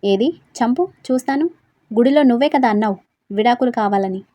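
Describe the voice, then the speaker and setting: A woman voicing a teasing, stubborn young husband who talks loudly and presses his point. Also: on the high side, fairly quick, lightly acted.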